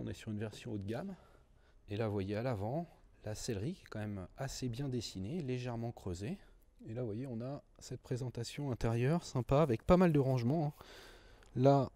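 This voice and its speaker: A man's voice: mid-range voice, warm tone. A man giving a casual, chatty car review, talking viewers through the cabin and a test drive. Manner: chatty, explanatory, addresses viewers directly. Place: inside an electric car, parked then driving.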